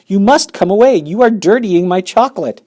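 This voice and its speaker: A man voicing an excitable, eccentric chocolate-maker in a storybook, fluttery and pleading. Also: medium pitch, moderate pace, pitched above the performer's own voice. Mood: pleading fussy.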